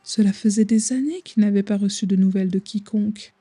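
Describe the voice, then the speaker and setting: Very mellow, breathy woman, hushed in your ear. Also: mid-range voice, fairly quick. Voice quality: soft, breathy. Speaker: bedtime story narrator. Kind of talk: slow, soothing bedtime storytelling.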